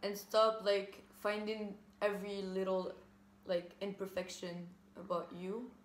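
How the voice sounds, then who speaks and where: Slow-talking young woman in an echoey room. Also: mid-range voice, level tone. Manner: giggly, informal. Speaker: vlogger answering questions. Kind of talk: casual mukbang chat. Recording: echoey room with faint noise.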